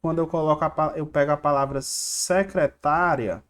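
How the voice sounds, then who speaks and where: A man's voice: a little high, steady tone, normal speed, fairly bright tone, smooth. A man teaching an online grammar lesson over slides. He quizzes the viewer, answers his own questions and repeats little rhymes to help them remember. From Brazil. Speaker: exam-prep teacher.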